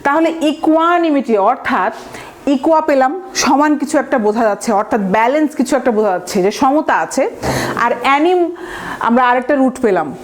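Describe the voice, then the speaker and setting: High-voiced Bangladeshi woman teaching vocabulary. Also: animated, moderate pace, slight background noise. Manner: mixes English phrases into her talk, breaks long words into syllables; fillers and restarts, asks the viewer rhetorical questions. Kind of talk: online exam-prep lesson.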